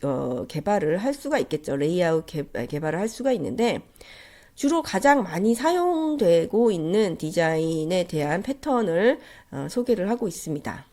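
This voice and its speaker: Female lecturer, congested and nasal from a head cold, animated pitch movement, courteous step-by-step teaching delivery. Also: normal speed. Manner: polite, explanatory. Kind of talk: instructional slide lecture.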